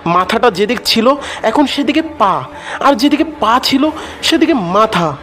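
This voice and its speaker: A frightened, worn-out ambulance driver recounts his own horror story, voiced by a man whose very high-pitched, fairly bright voice is expressive and unhurried. The narration is dramatic and full of suspense, with music playing underneath.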